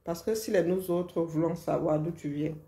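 A woman's voice: on the low side, fairly even intonation, normal speed, background noise. A woman, ranting casually and mocking someone as she lectures. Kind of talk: casual live rant. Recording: roomy echo.

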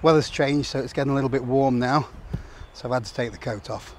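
A man in his forties calmly talking through a camping setup, step by step, in an open meadow outdoors. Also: mid-range voice, fast talker, a little hiss or hum. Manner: plain, matter-of-fact instructional talk. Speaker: outdoor gear vlogger.

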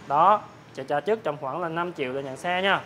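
Fast-talking, higher-voiced man doing a hard-sell pitch. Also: a bit bright, slight background noise. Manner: hard-sell, repetitive price listing addressed to viewers. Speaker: motorbike dealer presenting his stock. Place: large open-sided metal-roofed motorbike warehouse.

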